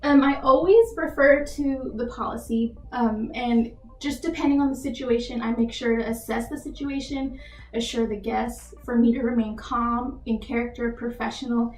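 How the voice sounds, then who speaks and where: In a reverberant, low-quality recording, a young Texan woman interviewing for a job replies earnestly, repeatedly saying "like." She works in retail, and her slightly high, slightly mellow voice holds a steady tone at normal speed.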